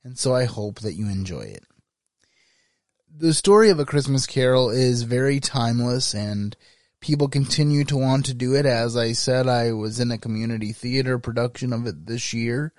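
A man hosts an informal review in a measured, deliberate way. His voice sits at a middle pitch and is recorded very dry. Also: no echo. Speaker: host. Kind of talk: informal scripted-feeling review commentary.

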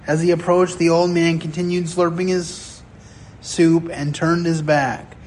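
A man in his sixties preaching a sermon in a chapel, telling stories earnestly with deliberate pauses. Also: on the high side, level tone, a little mellow, slight background noise. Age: 60s. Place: chapel sanctuary.

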